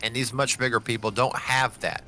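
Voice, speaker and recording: Laid-back male guest, bright tone, casual joking chat. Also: mid-range voice, level tone, normal speed, faint music behind. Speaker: stream guest.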